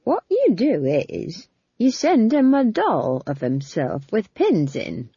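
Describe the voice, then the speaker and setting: A woman voicing an earthy, gleeful old witch who talks in a slow, relishing, mischievous way. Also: medium pitch, wildly swooping pitch, warm tone, husky, no echo, highs cut off, voice pushed up, heavily acted. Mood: eager.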